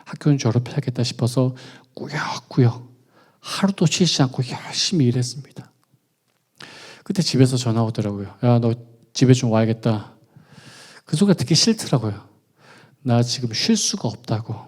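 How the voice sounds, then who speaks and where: A middle-aged male pastor giving a heartfelt testimony sermon, dropping to hushed whispers and rising to loud, pleading outbursts. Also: mid-range voice, animated, moderate pace, pauses often. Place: church sanctuary.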